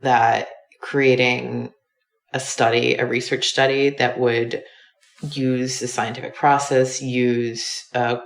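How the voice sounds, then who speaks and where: A woman's voice: very deep voice, flat delivery, takes it slowly, echoey room. A young woman, a former medical student, recounting experiences in a casual, chatty interview full of fillers. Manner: chatty, uses many fillers.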